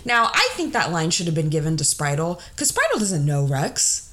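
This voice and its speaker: Woman podcast co-host, lively swooping voice, lowish pitch, laughs a lot, acts out lines. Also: moderate pace. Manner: animated, laughs often, acts out characters' lines. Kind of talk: casual chat recapping a film.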